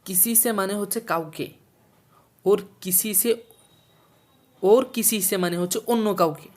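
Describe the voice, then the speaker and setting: A male Urdu teacher from Bangladesh, speaking in a high voice, works through a textbook lesson for a video series at a steady, patient pace. He says each new word and its meaning, repeats both, and keeps quizzing viewers to make sure they follow.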